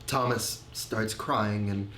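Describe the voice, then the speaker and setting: An actor playing a grieving man who speaks haltingly, repeating words and trailing off, in a film monologue. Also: fairly low pitch, steady tone, fairly bright tone, slight background noise. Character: grieving middle-aged man, haunted, hesitant. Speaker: man recounting family tragedy. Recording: roomy echo with faint ambience.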